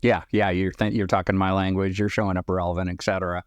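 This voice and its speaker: A man's voice: deep voice, flat delivery, fast, no room sound. A man hosting an interview show, an enthusiastic interviewer who often affirms his guest and laughs. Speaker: podcast host. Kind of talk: interview chat.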